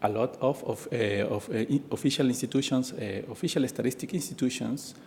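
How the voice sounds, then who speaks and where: A man's voice: medium pitch, fairly quick, a little mellow, slight background noise. A man with a Mexican accent giving a conference presentation, hesitant with many fillers and restarts. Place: conference room. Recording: hall reverb.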